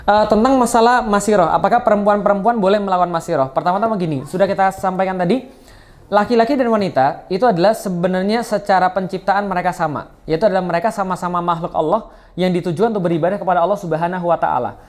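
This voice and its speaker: Fast-talking, joking male preacher. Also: high voice. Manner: casual, joking, keeps adding tag questions. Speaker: Islamic preacher. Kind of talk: religious study lecture.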